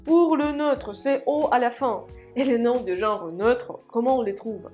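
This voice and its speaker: A woman teaches an online language lesson in a slightly high voice. She walks through grammar step by step and says each example sentence slowly and with care, then says it again. A little soft music plays behind her. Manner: slow, deliberate repetition of example sentences.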